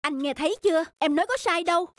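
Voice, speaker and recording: A performer voicing a strict, quick-tempered young stepmother in a children's cartoon, with a sharp, scolding way of talking. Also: very high-pitched, no echo, clean studio sound, voice pushed up.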